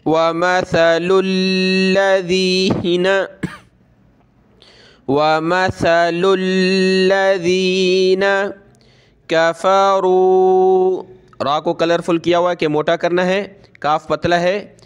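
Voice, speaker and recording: A man with a Pakistani Urdu accent teaching Quran reading, drawing out each recited word slowly and breaking it into letters and vowel marks, with quicker spoken explanations in between. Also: a little high, level tone, smooth. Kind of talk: spelled-out recitation lesson.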